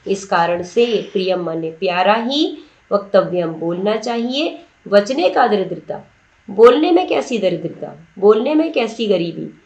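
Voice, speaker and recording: A woman teacher explaining a textbook lesson slowly, word by word, asking her students questions as she goes. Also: mid-range voice, a little mellow. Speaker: Sanskrit teacher. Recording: roomy echo.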